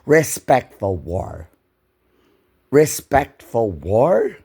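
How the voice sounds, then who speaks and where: A man's voice: medium pitch, very animated, extremely slow, warm tone, slightly rough. A man giving indignant commentary over news clips, repeating phrases for emphasis. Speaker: political commentator.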